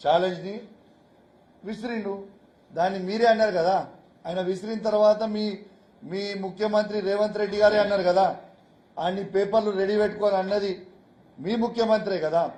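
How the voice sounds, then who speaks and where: Brief: fiery politician, high-pitched, hammering insults in an echoey press room. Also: male voice, darkish tone. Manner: angry, insulting, repetitive rhetorical questions. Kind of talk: heated press conference speech.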